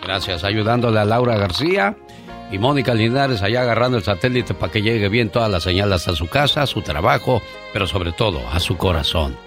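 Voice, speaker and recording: A man's voice: fairly low pitch, expressive, fairly quick, music in the background. A man with a Mexican accent co-hosting a radio talk show, joking and teasing. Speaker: radio co-host. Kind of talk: casual radio chat.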